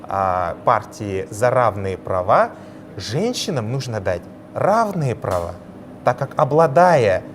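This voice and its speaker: Lively, halting male TV debate moderator. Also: lowish voice. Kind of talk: presenting a TV studio discussion. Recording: clearly noisy sound.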